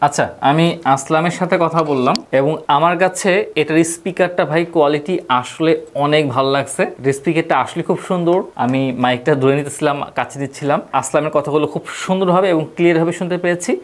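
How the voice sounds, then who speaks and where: A woman's voice: low-pitched, fast, hardly any pauses. A woman giving a casual hands-on gadget review for a tech shop, chatty and speaking straight to viewers, with English words mixed in. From Bangladesh. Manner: chatty, keeps addressing viewers directly, mixes in English words.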